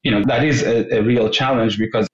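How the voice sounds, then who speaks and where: A man's voice: medium pitch, steady tone, brisk. A man in his thirties from Iran, a guest speaking earnestly in a casual interview, often saying "you know". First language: Persian. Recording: roomy, dull lo-fi remote line.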